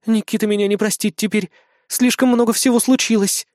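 A man's voice: high voice, fairly even intonation, a little fast, a little mellow, dry recording, clean studio sound, pitched above the performer's own voice, lightly acted. A man voicing a distraught young woman. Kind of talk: audiobook reading.

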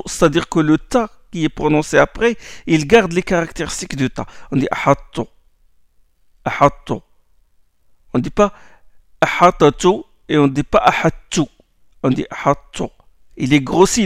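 A man teaches recitation rules, switching between plain explanation and chanted verses. His voice sits a bit high and has a gravelly edge. The recording is dry and close, with no room sound. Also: dry recording. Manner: repeats words and restarts often while explaining. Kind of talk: classroom lesson on recitation rules.

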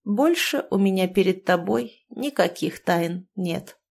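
Fields: woman reading the part of an old forest witch. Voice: hoarse, low-key, resigned. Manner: grumbling and quiet. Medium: storybook reading. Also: lively intonation, slow pace, exaggerated voice.

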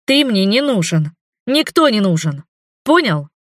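Man putting on a defiant young woman, shrill, indignant, pitched way up, dry booth sound. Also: sing-song, unhurried, a bit bright, no room sound, heavily acted. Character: fiery defiant young woman heroine, hot-tempered. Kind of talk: audiobook character voice.

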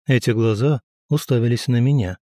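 A man's voice: mid-range voice, normal speed, warm tone, no room sound. A man narrating a first-person audiobook story.

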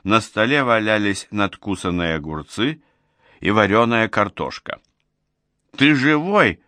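A man's voice: on the low side, a little slow, sharp tone, no echo. A man narrating a science fiction story as an audiobook, reading expressively.

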